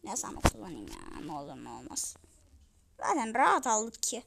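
A woman hosting a gaming channel, commenting on her play in an excitable, chatty way with sudden yells. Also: medium pitch, normal speed, gravelly, heavy background noise. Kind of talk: game commentary.

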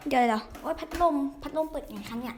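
A woman's voice: high-pitched, racing, noisy background. A young woman hosting her gaming channel, chatting and swearing freely as she comments on the game she is playing at home. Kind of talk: casual live gameplay commentary. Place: room at home with a fan running.

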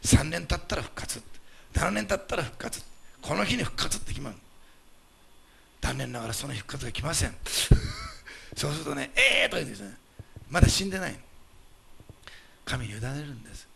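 A male pastor delivering a sermon, emphatic and animated, putting rhetorical questions to the congregation. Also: a little high, fairly quick, gravelly, long pauses, breathy edge.

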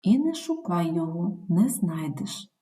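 A woman's voice: on the low side, big pitch swings, a little slow, mellow. A woman reading a young wife's lines with earnest, emotional pleading. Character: young wife tender and pleading.

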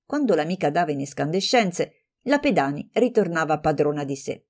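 A woman narrating a classic novel as an audiobook, reading in a measured, expressive way. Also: low voice.

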